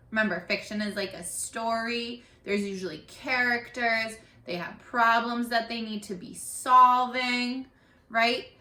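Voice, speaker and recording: A primary school teacher with a fairly high-pitched voice leads an interactive read-aloud for young children from her living room. She's animated and encouraging, often stopping to ask questions and waiting for answers, and the home setting gives a roomy echo.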